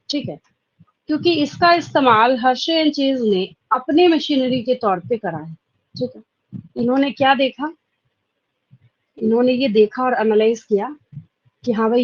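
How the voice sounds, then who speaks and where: A woman's voice: fairly high pitch, no room sound, dull audio. A woman with an Indian accent giving an exam-prep biology lecture. She asks questions aloud, answers them herself and repeats the key points. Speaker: biology teacher.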